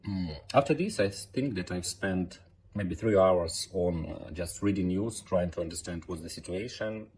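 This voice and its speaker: A man's voice: low voice, normal speed, darkish tone, slight background noise. A man in his thirties with a Ukrainian accent, giving an informal personal account in English. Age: 30s. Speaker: interviewee sharing a personal war story.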